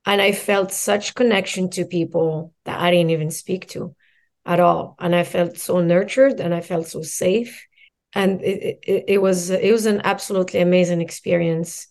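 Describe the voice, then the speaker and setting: Reflective woman, slightly low voice. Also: fairly even intonation, moderate pace, a little mellow. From Morocco. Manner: reflective storytelling, piles up lists of phrases. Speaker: mindset coach, guest. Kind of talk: casual interview conversation.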